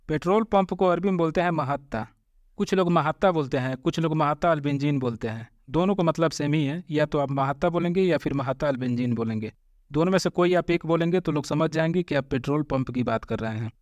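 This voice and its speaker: A man giving a vocabulary lesson, addressing his viewers as friends and saying each word slowly and more than once. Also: fairly high pitch, no room sound, clean studio sound. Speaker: Arabic teacher.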